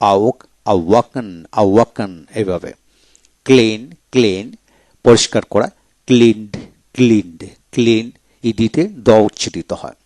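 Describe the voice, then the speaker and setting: A man from Bangladesh teaching English pronunciation in a video lecture, repeating each word slowly several times. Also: mid-range voice, darkish tone, no room sound.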